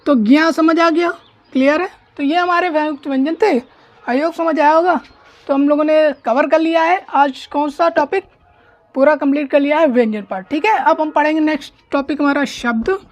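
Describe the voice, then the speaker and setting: A woman teaching an online grammar class, explaining step by step, drilling pronunciation slowly and often checking that students follow. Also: high-pitched. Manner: slow, deliberate pronunciation drills.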